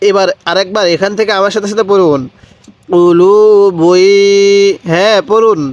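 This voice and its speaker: A man's voice: high voice, fairly even intonation, normal speed, muffled recording. A man teaching Quran reading, spelling out Arabic syllables and repeating them patiently for learners to read along. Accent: Bangladeshi Bengali. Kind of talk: slow spelled-out recitation lesson.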